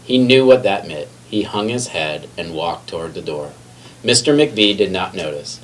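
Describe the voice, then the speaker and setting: A man's low, expressive voice carries a children's picture book read-aloud at a normal pace, with the odd stumble he goes back to correct. The microphone sits some distance away, and faint background noise can be heard.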